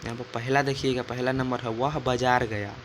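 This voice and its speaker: A man's voice: mid-range voice, little pitch movement, normal speed. Male tutor repeating grammar examples, noisy mic. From Bihar, India. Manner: repeats each example, addresses viewers as friends. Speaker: teacher. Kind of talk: exam-prep grammar lesson. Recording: noisy home recording.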